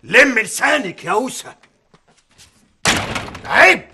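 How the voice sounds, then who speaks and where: An actor playing a middle-aged Egyptian husband, exasperated and trying to calm his wife. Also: high-pitched, fast, background noise. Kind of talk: TV drama acting.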